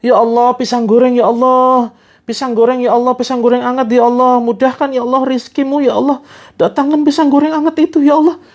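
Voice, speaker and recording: A man's voice: high-pitched, moderate pace, close to an everyday voice. A man voicing a pious man who begs God in repeated pleading prayers. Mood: tearful pleading. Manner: pleading, repetitive. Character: pious man begging God for snacks, tearful.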